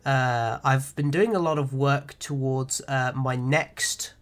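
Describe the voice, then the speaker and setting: A man's voice: medium pitch, steady tone, slow pace. A young man with a nasal, congested voice from a cold, co-hosting a podcast in casual, laid-back chat with some swearing. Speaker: podcast co-host.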